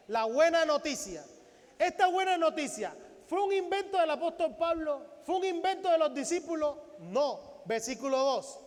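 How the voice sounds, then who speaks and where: High-voiced man preaching in a reverberant hall. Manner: preaches with rhetorical questions and acts out biblical dialogue. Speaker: pastor. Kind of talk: Sunday sermon. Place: church sanctuary.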